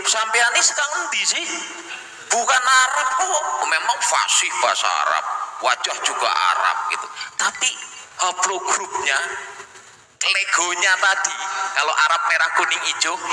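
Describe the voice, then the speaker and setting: A man lectures at a seminar, his fairly high voice bright and cutting. His delivery is animated and swings widely in pitch as he slips into regional speech to act out quotes. The sound comes from an echoey hall with a long reverb tail. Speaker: seminar speaker. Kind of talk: lecture with acted anecdotes.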